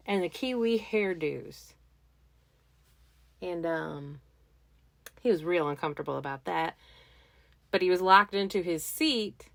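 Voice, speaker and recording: A woman hosting a podcast, telling a funny story in a playful, animated way. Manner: playful, animated, jumps into high squeaky voices. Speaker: podcast host. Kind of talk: casual storytelling.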